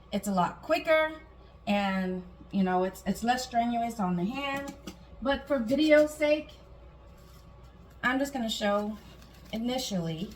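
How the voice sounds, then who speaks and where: A woman from Guam, hosting a casual home cooking demonstration and chatting through each step with small asides. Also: mid-range voice. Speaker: home cooking video host. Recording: clear background noise, room ambience.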